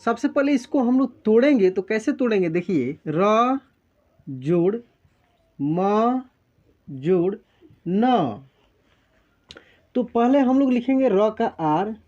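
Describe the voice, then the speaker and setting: Patient man spelling out sounds slowly, lo-fi. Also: sits high, darkish tone. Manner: patient, slow step-by-step spelling out. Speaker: teacher. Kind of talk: spelling lesson. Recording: dull lo-fi sound.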